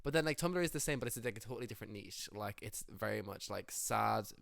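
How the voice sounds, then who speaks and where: A man's voice: on the low side, animated, fast, creaky, fairly bright tone, no room sound, clean studio sound. A young adult man with an Irish accent, a musician and teacher chatting in an interview, jokey and full of "like". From Ireland. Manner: chatty, jokey, heavy use of "like". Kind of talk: casual interview chat.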